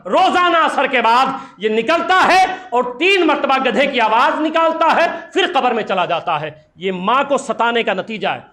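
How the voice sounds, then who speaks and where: A man's voice: very high-pitched, animated, hardly any pauses, bright, forceful tone, echoey room. A man from India preaching a sermon, telling stories with passion and repeating key phrases for emphasis. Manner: impassioned storytelling with emphatic repetition. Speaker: Islamic preacher.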